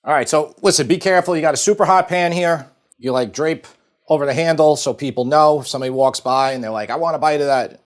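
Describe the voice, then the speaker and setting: A middle-aged man with a Long Island accent, showing a recipe in his home kitchen in a relaxed, chatty way full of fillers. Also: fairly high pitch, fast talker. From Long Island, New York. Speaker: cooking show host. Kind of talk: casual cooking demonstration.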